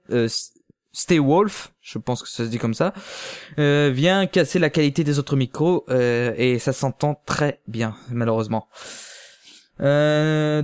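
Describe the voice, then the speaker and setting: A man's voice: fairly high pitch, darkish tone. Hesitant young French man reviewing. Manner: hesitant, many fillers, laughs easily. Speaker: podcast reviewer. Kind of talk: casual review chat.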